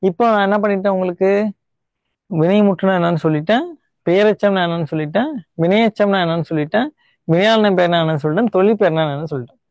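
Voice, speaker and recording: High-voiced Tamil teacher, dry close sound. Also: male voice, a little mellow, no echo. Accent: Tamil Nadu Tamil. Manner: explains step by step, often checks in with "right?"; repeats key words slowly to stress them. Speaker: Tamil grammar teacher for exam prep. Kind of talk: online exam-prep lesson.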